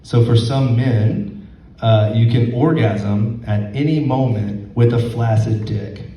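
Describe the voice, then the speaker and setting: A young man doing a stand-up set, hoarse as he loses his voice, halting and full of ums with a self-deprecating tone. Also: mid-range voice, dark tone. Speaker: stand-up comedian. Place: comedy club stage. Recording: roomy, distant, dull lo-fi recording.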